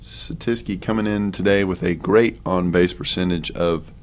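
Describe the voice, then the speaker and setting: A young man calling a college baseball game play by play, relaxed and chatty, with offhand asides between pitches. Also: normal speed, a little hiss or hum. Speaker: play-by-play announcer. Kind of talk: sports commentary.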